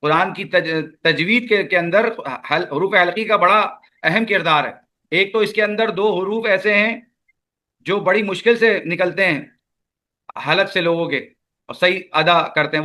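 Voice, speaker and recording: A high, sharp-toned male voice leads an online Quran lesson. Speaking with a Pakistani Urdu accent, he repeats each sound slowly and patiently so students can echo him.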